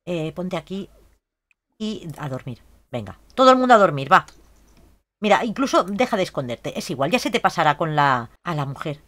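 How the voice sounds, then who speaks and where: A woman's voice: lowish voice, very animated, normal speed, a bit bright. A woman in her twenties with a Spain Spanish accent, chattily narrating a life-sim game and breaking into shrieks of shock. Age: 20s. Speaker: let's play gamer.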